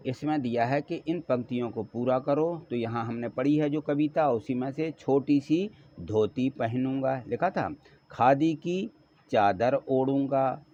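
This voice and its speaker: A male teacher patiently explaining workbook exercises, repeating and spelling out words slowly for students. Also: mid-range voice, darkish tone, highs cut off, a little hiss or hum.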